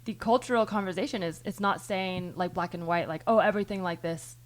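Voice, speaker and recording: A woman's voice: on the low side, brisk. A woman hosting a podcast, thinking aloud in long rambling turns full of restarts and the odd swear word. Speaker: podcast host. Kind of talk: casual chat.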